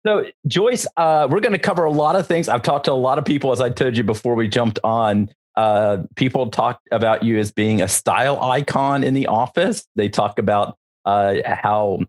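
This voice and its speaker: A man's voice: mid-range voice, moderate pace, few pauses. A man hosting an interview show, asking questions in a friendly, informal way. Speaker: podcast host. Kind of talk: casual interview.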